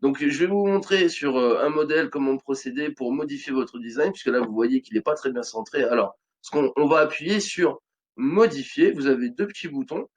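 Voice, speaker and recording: A man's voice: mid-range voice, normal speed, husky. French man explaining a screen tutorial. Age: 30s. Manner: casual, chatty, many fillers and restarts. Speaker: online business tutorial host. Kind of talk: screen-recorded tutorial walkthrough.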